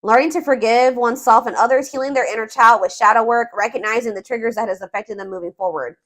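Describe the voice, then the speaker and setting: Fast-talking and fairly bright, this woman's voice sits on the high side as she reads tarot for her viewers. As host, she's informal and chatty, hunting for words out loud while hammering home key points with emphasis.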